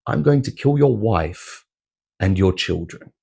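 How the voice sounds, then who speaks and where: A man voicing a calm, smug male captive who speaks with quiet menace. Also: measured pace, creaky, husky, heavily acted. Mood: menacing. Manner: low, leaning-in menace.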